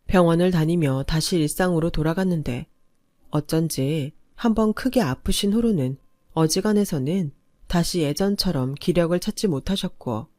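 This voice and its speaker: A woman telling a scripted first-person story in a plain, even, confessional way. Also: on the low side, no room sound, studio quality.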